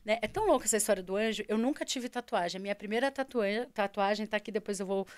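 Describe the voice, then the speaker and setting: A woman with a Brazilian Portuguese accent, a podcast guest telling a personal story in an animated way and acting out the dialogue. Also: mid-range voice, fast, smooth, dry recording. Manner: animated, acts out quoted dialogue.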